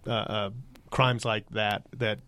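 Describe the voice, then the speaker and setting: A man's voice: fairly low pitch, little pitch movement, slow, bright, forceful tone, no room sound. Man agreeing on a podcast panel. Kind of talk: casual political podcast chat.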